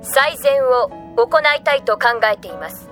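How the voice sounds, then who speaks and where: A woman playing a dutiful female combat android in a Japanese sci-fi game, speaking formally in measured, emotionless phrases. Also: high voice, expressive, a bit bright, faint music behind. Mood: formal, resolute.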